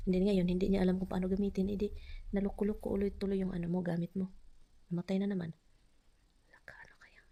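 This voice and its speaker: A Filipino woman vlogging casually at home with a Filipino accent, mixing chatty talk with hushed asides. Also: mid-range voice, little pitch movement, fast talker, long pauses. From Philippines. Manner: chatty, switching between Tagalog and English, often drops to a whisper. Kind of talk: casual vlog chat. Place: home, garage and house. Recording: noisy home recording.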